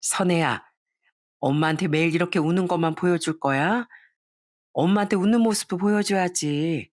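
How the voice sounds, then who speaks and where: A woman voicing a gentle, ailing mother softly comforting her daughter. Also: on the low side, normal speed, no echo, clean studio sound, close to an everyday voice. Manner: soft and reassuring.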